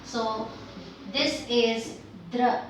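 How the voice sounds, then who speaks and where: A woman teaching Hindi letters and sounds, patiently repeating each sound slowly for learners. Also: fairly high pitch, fairly even intonation, a little hiss or hum. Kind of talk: language lesson. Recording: roomy echo, mic at a distance.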